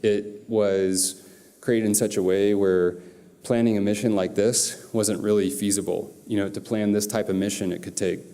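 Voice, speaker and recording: Guy presenting at a conference, lowish mellow voice, loose and chatty with lots of ums, big hall echo. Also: fairly even intonation, moderate pace, smooth. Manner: casual, loose presenter with many fillers. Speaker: conference speaker. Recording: long hall reverb.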